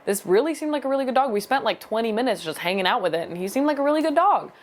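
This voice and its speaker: A woman's voice: fairly high pitch, lively intonation, very fast. A young adult woman chatting casually in a storytelling vlog, filling her sentences with "like". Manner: chatty, leans heavily on "like" as filler. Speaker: vlogger.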